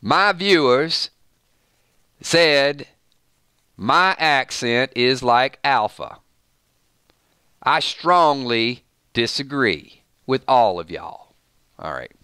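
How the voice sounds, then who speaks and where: Drawing out his words and leaving long pauses, a man with a Georgia (US South) accent runs a casual live stream, laughing and rambling as he reads viewer comments. The show host is from Georgia, USA; his mid-range voice is animated, pushed, bright and smooth, recorded clean in a studio with no room sound.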